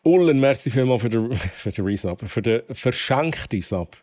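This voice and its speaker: A man's voice: mid-range voice, expressive, moderate pace, a little mellow. Swiss man chatting on a livestream. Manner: mixes Swiss dialect and English slang into German. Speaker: live streamer. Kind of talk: casual livestream chat, thanking subscribers and greeting viewers.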